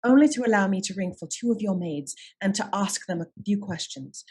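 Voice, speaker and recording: A woman's voice: medium pitch, animated, fairly quick, dark tone, breathy edge. A woman playing a self-assured aristocratic lady detective in a radio play, formal and articulate. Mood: politely persuasive.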